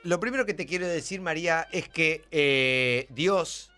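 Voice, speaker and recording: A man with a Rioplatense Spanish accent trades sarcastic, mock-serious jabs as a radio columnist. His voice is slightly high and very bright. Faint music plays under the studio mic. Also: unhurried, clean tone. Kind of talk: comic radio banter. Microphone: studio microphone.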